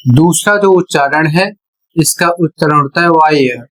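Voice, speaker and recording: A teacher explaining English pronunciation rules one step at a time, in a measured, repetitive way. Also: mid-range voice, fairly bright tone. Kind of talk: slow explanatory lesson narration.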